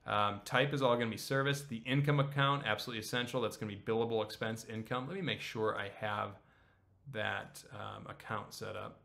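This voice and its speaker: A man in his thirties teaching accounting software on a screen share, casual and explanatory, often checking in with "okay?". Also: on the low side, fairly even intonation, brisk, gravelly. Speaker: accounting instructor.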